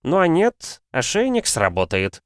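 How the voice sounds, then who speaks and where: Brief: male reader voicing a fussy, mocking alchemist, pitched well up, dry close sound. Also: huge pitch swings, a little slow, clean tone, dry recording. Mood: mocking praise. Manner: sanctimonious, theatrical, sly.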